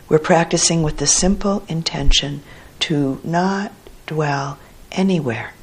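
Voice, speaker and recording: With pauses between short phrases, a woman gently and steadily guides a meditation in a husky, low voice. The recording sounds rough.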